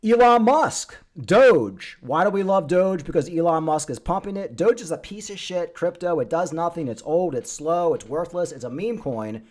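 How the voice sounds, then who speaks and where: A man's voice: fairly high pitch, animated, moderate pace, hardly any pauses, darkish tone. A man hosting a crypto channel, giving casual off-the-cuff market commentary in a blunt, opinionated crypto bro manner full of hype.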